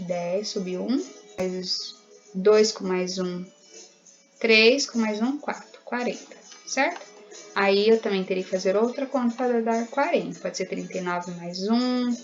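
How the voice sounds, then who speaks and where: This lo-fi recording has a medium-pitched woman with a Brazilian Portuguese accent. She's a primary school teacher in a recorded remote lesson, correcting exercises and walking her pupils through them patiently, step by step. She often checks in with "né?" and "certo?"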